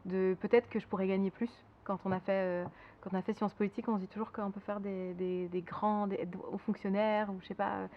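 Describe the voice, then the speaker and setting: The director of a Belgian sexual health association, a woman in her twenties, fields interview questions fairly quickly in a mid-range, level voice, stumbling through fillers and restarts. The audio has its highs cut off and a bit of hiss or hum.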